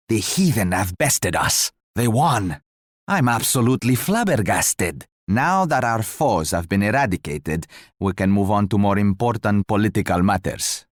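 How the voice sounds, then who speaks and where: An actor playing a pompous, genteel royal commander in a strategy video game, speaking formally and theatrically. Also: male voice, fairly low pitch, no echo, clean studio sound. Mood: regretful. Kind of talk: scripted strategy game voice lines.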